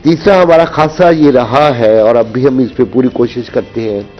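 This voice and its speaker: A man with a Pakistani Urdu accent, explaining things in a measured way as a guest on a morning show, often repeating his key phrases. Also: medium pitch, lo-fi sound, soft background music. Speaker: radio broadcaster guest.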